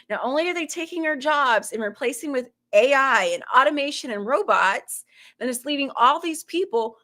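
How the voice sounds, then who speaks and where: With a slightly bright, higher voice and a faint Southern US lilt, this Florida host talks suspiciously and rhetorically to her viewers in a casual commentary. She checks in with "okay?" after every point.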